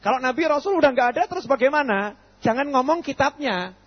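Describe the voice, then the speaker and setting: A man gives an animated sermon, quizzing his listeners and answering himself. His voice sits high and sounds husky. The recording is dull and lo-fi, with long reverb from a hall. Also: brisk. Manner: animated, asks and answers his own questions. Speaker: preacher. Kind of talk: lively sermon with acted dialogues.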